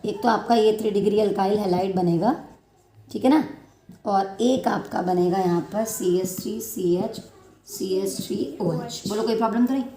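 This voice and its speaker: A woman's voice: medium pitch, normal speed, dark tone. Woman chemistry teacher in an echoey classroom. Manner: explains with everyday analogies, keeps checking understanding. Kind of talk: classroom lecture. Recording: echoey room.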